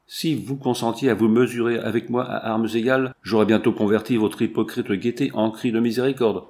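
A man's voice: mid-range voice, steady tone, a little fast, a little mellow, close to an everyday voice. A man voicing a defiant young English captive who speaks in indignant outbursts.

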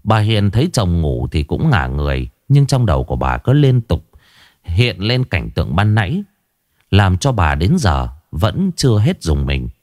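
A man's voice: low-pitched, sing-song, normal speed, a little mellow, no echo, studio quality. A man narrating a ghost story in a dramatic storytelling manner.

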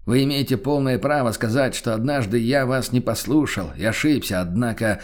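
A man's voice: mid-range voice, normal speed, natural voice. A man voicing a hesitant but stern nobleman in an audiobook, reproaching with formal politeness. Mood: reproachful.

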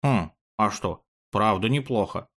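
A man's voice: fairly low pitch, measured pace, fairly bright tone. A man voicing a thoughtful young boy, speaking hesitantly and musing aloud.

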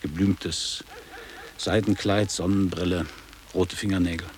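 Low-pitched and steady, with a darkish tone, an actor unhurriedly speaks the part of a fifty-something man looking back on his old boarding school. The radio-play lines are literary reminiscences in clipped phrases, heard over slight background noise.

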